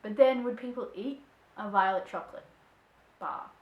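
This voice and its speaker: A young Australian woman vlogging to camera, answering viewer questions in a chatty, expressive way. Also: medium pitch, normal speed. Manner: chatty and expressive, acts out quoted voices. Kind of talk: casual chat to camera. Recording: echoey room.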